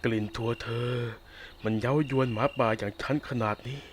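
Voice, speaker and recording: In a roleplay audio drama, a man plays a sadistic, possessive werewolf taunting a captive listener, soft and teasing with a menacing edge. His mid-range voice keeps a fairly even intonation at normal speed. The natural-sounding recording has slight background noise.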